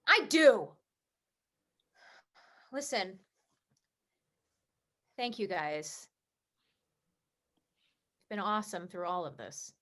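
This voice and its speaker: A woman playing a heartbroken, sharp-tongued young sports reporter in a comedy play reading over a video call, swinging into emotional, sarcastic outbursts. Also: mid-range voice, sing-song, drawn-out words, long pauses, heavily acted. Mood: tearful.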